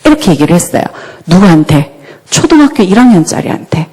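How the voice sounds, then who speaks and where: A woman giving a church talk on parenting, lively and often asking the audience questions. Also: lowish voice, fairly quick, breathy edge. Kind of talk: church lecture. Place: church hall. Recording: long hall reverb.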